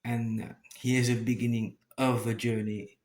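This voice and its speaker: A man with a Mauritian accent and Mauritian Creole as his first language talks casually to viewers, halting as he searches for words and repeats phrases. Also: mid-range voice, little pitch movement, a little mellow. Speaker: YouTuber making a first video.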